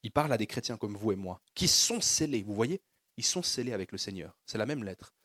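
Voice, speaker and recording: A male pastor preaching with a husky, slightly breathy voice and a lively pitch that keeps climbing and dropping. He leads the congregation in call-and-response and drives his points with growing fervor. The sound is dry and close, with little room echo. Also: brisk. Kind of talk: sermon.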